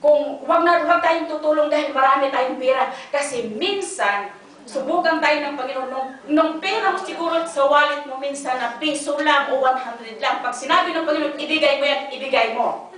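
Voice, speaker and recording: A woman from the Philippines giving an inspirational church talk, telling her story with lively acted-out dialogue and bits of English. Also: high-pitched, moderate pace. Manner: animated storytelling, acts out dialogue, mixes in English. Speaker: guest speaker giving a testimony. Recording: echoey hall, distant mic, faint noise.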